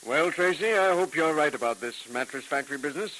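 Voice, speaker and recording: An actor playing a skeptical but good-natured colleague of a detective in old radio drama style. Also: male voice, on the high side, expressive, fast, bright, forceful tone, low-quality recording. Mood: doubtful, probing. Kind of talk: 1940s radio drama acting. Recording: hissy old radio recording.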